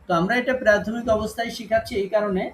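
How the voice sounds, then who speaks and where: A man with a high voice teaches an online class on Quran recitation. He explains step by step and patiently repeats the main rules. There is a faint hiss of noise under his voice. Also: fairly even intonation, rapid-fire, low-quality recording. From Bangladesh.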